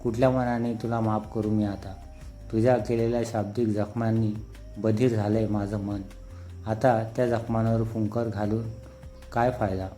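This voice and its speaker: A proud, sensitive young woman who teaches dance, as a male storyteller reads her part. The lines come slow and measured, with little rise and fall. The tone is dark and mellow, and faint music plays underneath. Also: on the low side, little pitch movement, natural voice. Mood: hurt.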